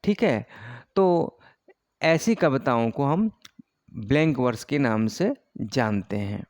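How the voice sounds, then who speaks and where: Slow, deliberate male lecturer. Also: medium pitch, expressive, a little mellow, dry recording, clean studio sound. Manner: slow, deliberate explaining with many fillers. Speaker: teacher. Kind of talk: exam-prep lecture on poetry.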